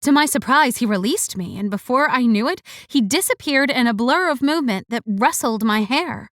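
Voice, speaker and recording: A woman narrating a first-person romance audiobook with an expressive, wry delivery. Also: fairly high pitch, normal speed, no echo, studio quality. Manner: expressive, wry inner monologue.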